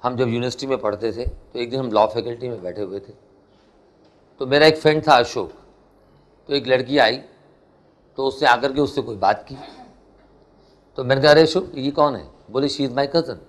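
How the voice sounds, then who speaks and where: A man's voice: medium pitch, normal speed, long pauses. Male teacher, lecturing a classroom, chatty storyteller. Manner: explains in Hindi with English phrases, quizzes students. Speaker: English teacher. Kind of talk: classroom lesson with anecdotes.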